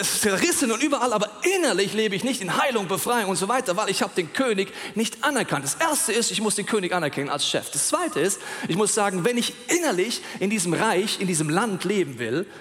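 A man preaching a sermon in an animated way, speaking straight to his listeners with questions. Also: sits high. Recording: long hall reverb.

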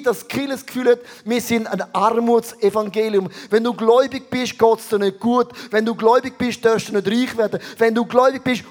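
High-voiced energetic preacher man. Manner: energetic, mixes English phrases into German. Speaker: pastor. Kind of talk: sermon.

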